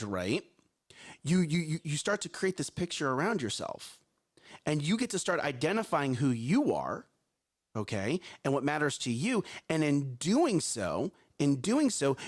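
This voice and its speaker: On a live morning talk show, a co-host speaks in a strong, carrying voice on the high side. He's energetic, repeats words, and keeps checking in with "right?" and "okay?".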